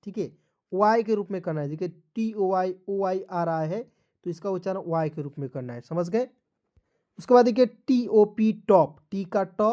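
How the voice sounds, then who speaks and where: A man's voice: sits high, dark tone. A man teaching a spelling and pronunciation lesson. He spells each word letter by letter, says it aloud, and keeps asking his viewers how to read it. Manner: spells words letter by letter and drills them; keeps asking viewers questions, calls them friends.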